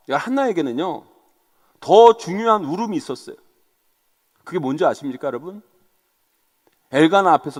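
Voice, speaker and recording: A man preaching a sermon as senior pastor, talking directly to his congregation. His voice sits high, and he plays out quarrels in character. The sound rings with a long hall reverb. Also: fairly bright tone. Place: church sanctuary.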